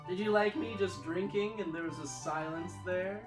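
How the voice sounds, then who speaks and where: A woman's voice: on the low side, normal speed, music in the background. A woman hosting a show in a casual, jokey style, recorded in an echoey room. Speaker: host.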